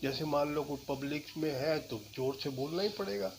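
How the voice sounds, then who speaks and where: A man's voice: on the high side, normal speed, vocal fry, low-quality recording. A man working as a life coach, giving a spoken lesson on how to talk to people in simple, repetitive phrases.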